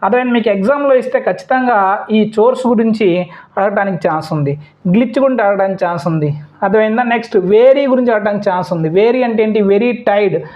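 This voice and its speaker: A woman's voice: mid-range voice, fast talker, darkish tone. A woman teacher runs an exam-prep lesson, repeating questions and answers and mixing English words into her explanations. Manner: repetitive question-and-answer drilling. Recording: dull lo-fi audio.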